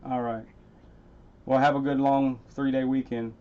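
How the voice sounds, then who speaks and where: A man hosting a casual coin-hunting livestream. He talks straight to his chat viewers by name and gets loudly excited over his finds. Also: mid-range voice, measured pace, highs cut off.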